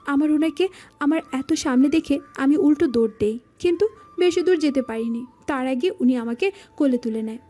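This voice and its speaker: A woman narrating a romance audio drama in the first person, telling it in a lively manner. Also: sits high. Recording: faint background music.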